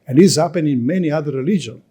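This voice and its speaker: Italian man lecturing, husky and mellow. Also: a little high. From Italy. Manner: halting, restarts and repeats words, non-native grammar. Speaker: conference presenter. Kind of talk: lecture presentation.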